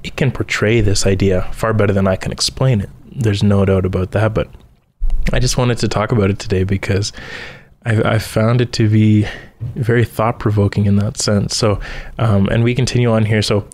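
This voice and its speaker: A low-voiced man musing on a podcast. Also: steady tone, moderate pace, a little mellow. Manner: thinks aloud with frequent ums and restarts. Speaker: podcast host. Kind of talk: casual solo podcast monologue.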